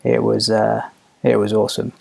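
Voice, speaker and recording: A man's voice: fairly low pitch, monotone, normal speed, gravelly, a little mellow, no room sound. A man from southern England with a Home Counties accent, answering casually in an interview in short, hesitant, unassuming phrases. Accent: southern English, Home Counties. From Hertfordshire, England. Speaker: podcast guest, aviation photographer.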